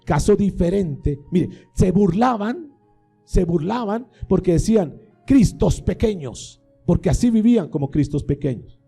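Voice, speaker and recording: High-voiced, dark-toned male pastor preaching. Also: animated, normal speed, vocal fry, husky, soft background music. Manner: impassioned preaching, acting out voices of believers and critics. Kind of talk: sermon.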